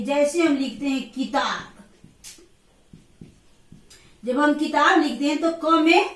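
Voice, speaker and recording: Woman teacher, high voice, patient repetitive explaining; echoey room, set back from the mic. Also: far from the mic. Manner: slow, repetitive explaining, counting aloud. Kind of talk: classroom lesson.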